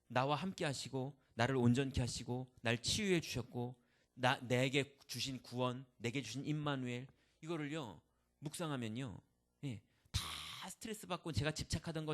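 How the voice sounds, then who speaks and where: A male pastor giving a candid, confessional testimony in a sermon, acting out his own grumbling thoughts. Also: mid-range voice.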